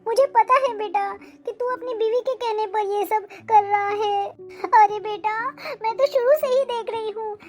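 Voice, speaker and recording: A woman's voice: very high-pitched, animated, normal speed, soft background music. A woman voicing a scolding, self-pitying old mother-in-law in a cartoon family drama, talking in a melodramatic, complaining way. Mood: aggrieved.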